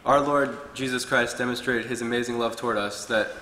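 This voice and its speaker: Standing at a pulpit in a wood-paneled church hall, a young man earnestly delivers a sermon from his notes. His mid-range voice is bright, forceful and steady, moving a little fast. The large, echoey hall adds long reverb, along with a slight hiss or hum.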